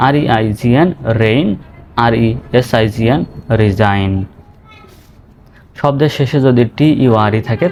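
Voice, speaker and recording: A man with a Bangladeshi accent teaching spelling and pronunciation, spelling words letter by letter and then saying them slowly. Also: medium pitch, darkish tone. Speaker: English teacher. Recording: faint background noise.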